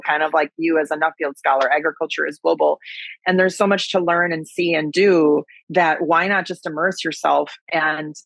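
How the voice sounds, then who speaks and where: This interview guest, an agriculture advocate and speaker from Wisconsin, USA, talks in a chatty, relaxed way with her Wisconsin accent on a podcast. Her voice sits low and is slightly bright, and the recording is rough with no room sound.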